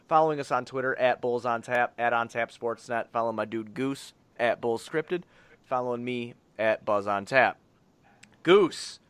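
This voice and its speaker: A man hosts a casual sports podcast. He talks bluntly in slang with plenty of swearing, at an average pitch, in a very dry recording. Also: a bit bright, dry recording. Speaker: podcast host.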